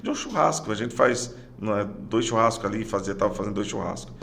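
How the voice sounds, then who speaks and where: A middle-aged man with a Brazilian Portuguese accent, a podcast guest telling a personal story in a halting way, often repeating words and restarting phrases. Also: fairly low pitch, animated, vocal fry, a bit bright, slight background noise. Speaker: podcast guest, police sergeant. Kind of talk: personal testimony in casual conversation.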